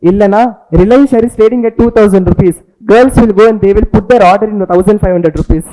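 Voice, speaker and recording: A man's voice: high-pitched, rapid-fire, warm tone, poor audio. A man with a Tamil accent giving an informal, story-led lecture as a teacher, repeating points and checking understanding with tag questions.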